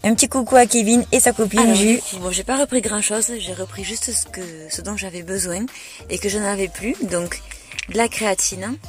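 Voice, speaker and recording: A woman chatting casually to camera about her day, relaxed and full of fillers. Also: medium pitch, a little fast, faint music behind. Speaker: vlogger preparing for a fitness competition. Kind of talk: casual vlog narration.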